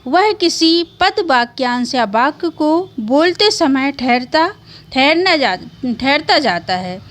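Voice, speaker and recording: A woman's voice: high voice, lively intonation, takes it slowly, fairly bright tone. A woman teaching a grammar lesson. She explains each point twice, asking questions and answering them herself.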